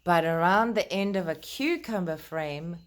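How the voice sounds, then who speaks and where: A woman with a lowish, unhurried voice leads a storytime for kids. She reads aloud and speaks straight to her young listeners, explaining things in easy language.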